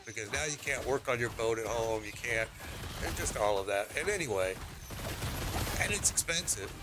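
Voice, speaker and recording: A man's voice: medium pitch, animated, normal speed, very noisy. A middle-aged American man, a streamer, ranting in casual chat about his neighbors and rules, mimicking what others said. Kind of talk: casual rant while gaming.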